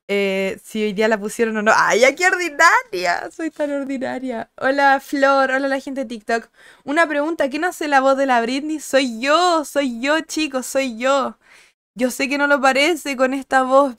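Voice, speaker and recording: A young Chilean woman streaming, chatting casually and crudely with her viewers and greeting them by name, her voice a little husky today. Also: a little high, no echo, studio quality. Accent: Chilean Spanish. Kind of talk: casual chat with live chat viewers.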